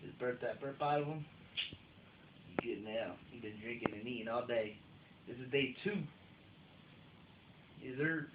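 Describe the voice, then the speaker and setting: A man's voice: medium pitch, measured pace, pauses often, reverberant, phone-quality sound, noisy background. A man talking playfully to his newborn son while filming at home, heard on an old VHS home-video tape. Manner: playful, coos at the baby.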